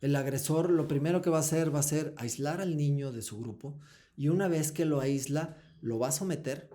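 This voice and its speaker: A man's voice: on the high side, brisk, warm tone. A man, founder of a foundation, explaining earnestly as an interview guest. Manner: explanatory, acts out short dialogues with children.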